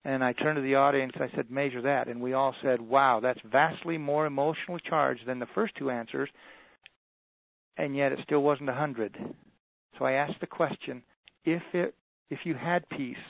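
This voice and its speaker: A man speaking as a motivational speaker, telling a story and acting out the dialogue while he pitches a coaching package. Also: gravelly, no room sound. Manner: storytelling, voices quoted dialogue. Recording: tinny phone-like audio, dry.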